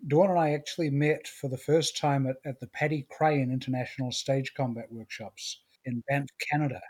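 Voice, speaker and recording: A middle-aged man with a New Zealand accent speaks as a guest in a casual interview, relaxed and thoughtful. His voice is husky and medium-pitched, and he talks at a normal speed.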